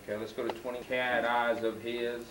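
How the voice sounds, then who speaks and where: A man's voice: mid-range voice, flat delivery, a little fast, fairly bright tone, a little hiss or hum. Guy reading a kids book at a school show, old vhs tape, echoey room, far from the cam. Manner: reads the story and cues the student readers. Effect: old home video tape sound. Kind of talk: reading a children's book aloud with students. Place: school hall. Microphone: far camcorder mic. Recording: echoey hall taped from far off.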